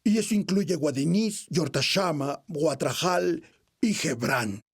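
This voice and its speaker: A man recounting his work in an interview. His voice is slightly high, with a noticeable gravelly rasp and a husky, breathy texture. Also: expressive, slow pace. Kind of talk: interview answers.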